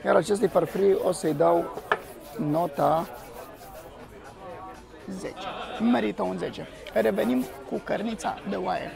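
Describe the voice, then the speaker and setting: Amid diners chattering on an outdoor terrace, a young man reviews food for his vlog, speaking eagerly to a camera on the table and exclaiming between bites. His high voice is creaky, and he leaves long pauses.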